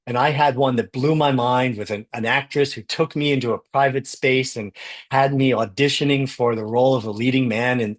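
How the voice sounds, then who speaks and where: A man giving a conference keynote, enthusiastic, often repeating words as he goes. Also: medium pitch. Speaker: conference speaker. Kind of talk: keynote talk.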